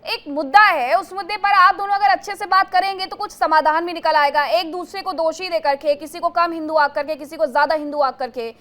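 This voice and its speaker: A woman with a high, bright-toned voice anchoring a televised debate. She speaks firmly, presses her questions and urges the guests to calm down. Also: fairly quick, hardly any pauses. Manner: firm, calming, questioning. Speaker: news anchor. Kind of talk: moderating a TV debate.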